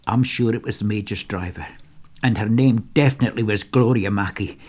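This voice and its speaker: Halting young soldier, hesitant and earnest, read by a male narrator. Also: lowish voice, a little mellow, voice pushed down, natural voice. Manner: hesitant, halting, repeats words. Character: young male soldier delivering grave news.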